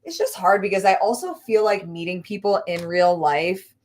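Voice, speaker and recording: Young adult woman, livestream host, animated, loose and talkative. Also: mid-range voice, normal speed. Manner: animated, laughs often, lots of fillers. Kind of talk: casual chat with a friend.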